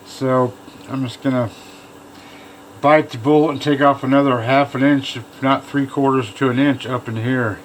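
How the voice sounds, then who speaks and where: Over the hum of machinery, a man demonstrates fossil preparation on his own pieces, musing aloud in a relaxed, informal way. His voice is medium-pitched and steady in tone, moving at a moderate pace, and the audio quality is low.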